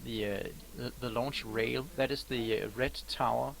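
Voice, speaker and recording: A man gives live, unscripted commentary as a host. His voice is mid-pitched with noticeable creak, and he feels his way haltingly through sentences. There is faint noise behind him. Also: steady tone, poor audio. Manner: halting, searching for words. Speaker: live launch broadcast host.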